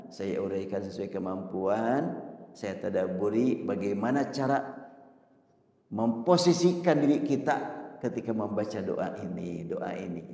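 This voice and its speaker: Gravelly male preacher in an echoing mosque hall. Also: fairly low pitch. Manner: swings from loud emphasis to hushed near-whisper. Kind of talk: sermon. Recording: echoey hall with long reverb.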